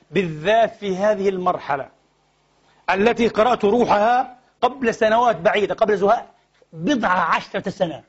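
Fiery husky-voiced preacher. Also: male voice, high-pitched. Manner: impassioned, rising to exclamations; mixes formal Arabic with colloquial Levantine phrases. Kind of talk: Friday sermon. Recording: dull lo-fi MP3 sermon recording.

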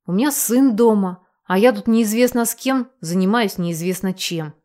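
Woman narrator, first-person audiobook, expressive reading, medium pitch. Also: normal speed.

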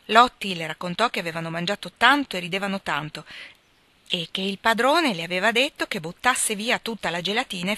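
A woman reading a classic novel aloud as an audiobook, with expressive, measured storytelling. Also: lowish voice, no room sound. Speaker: reader.

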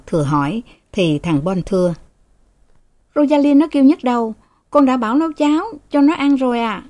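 A woman narrating a novel in an even, measured storytelling manner. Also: lowish voice. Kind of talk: reading a novel aloud.

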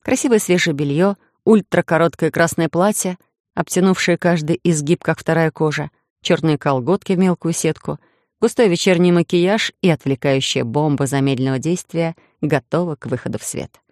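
A woman narrating a first-person romantic audiobook in a lively, ironic way. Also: deep voice, moderate pace, no room sound, clean studio sound. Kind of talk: scripted narration.

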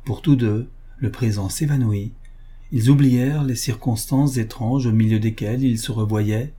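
A man narrating a novel as an audiobook, in a measured, expressive reading. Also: lowish voice, husky.

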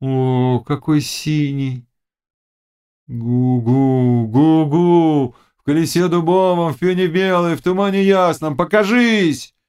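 A man voicing a fierce, mocking young witch and fortune-teller in an audiobook, chanting incantations in a high, loud voice. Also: slow, clear, resonant tone. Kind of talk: audiobook character reading.

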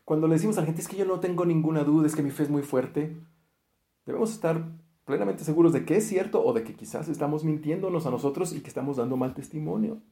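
A man's voice: a little high, fast, dark tone. A man preaching a sermon, earnest, acting out quoted prayers and often restarting his words. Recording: echoey room.

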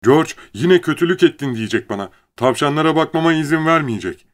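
A man's voice: fairly high pitch, expressive, brisk, voice pushed up, close to an everyday voice. A man voicing a big, simple-minded farmhand who is childlike and easily frightened, speaking in a raised, pleading voice. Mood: pleading panic.

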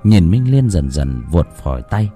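A man's voice: low voice, a little slow. Dramatic male storyteller, wide-ranging voice, faint music bed. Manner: dramatic, lively narration. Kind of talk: ghost story narration.

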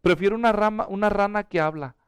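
Man playing a dry old man of ninety, unimpressed, matter-of-fact, high clear voice. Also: fast talker, no echo, close to an everyday voice.

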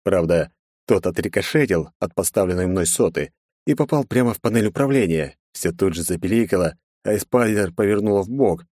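A man narrating an action audiobook in the first person, brisk and terse. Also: low-pitched, animated, a little mellow, dry recording, clean studio sound.

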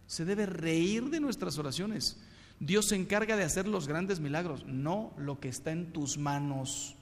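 A middle-aged Mexican man, a priest, giving a humorous sermon with lively, punchy storytelling in a hall. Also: fairly high pitch, measured pace, slight background noise. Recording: long hall reverb.

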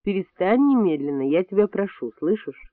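A steady hospital doctor who talks quietly and with weight, reasoning rather than shouting, as the male audiobook reader plays him. His lively voice sits fairly high. The recording is dry and tinny. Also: normal speed, no room sound. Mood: firm. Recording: dry, tinny phone-like sound.

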